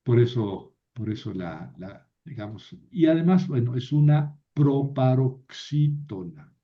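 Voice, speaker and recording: A man gives a slow, unhurried Greek grammar lecture. He pauses, repeats words and corrects himself as he goes. The recording sounds dull and lo-fi. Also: mid-range voice, animated. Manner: halting, repeats and corrects himself, asks "verdad?". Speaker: teacher of biblical Greek.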